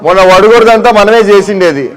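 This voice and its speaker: Man, high voice, local politician, casual teasing talk, village street. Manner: teasing, brisk and promising.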